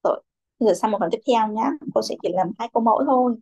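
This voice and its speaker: A woman's voice: on the high side, fast talker, darkish tone, husky. A young woman teaching a children's English class, who calls on pupils by name, repeats their answers and mixes English words into her instructions.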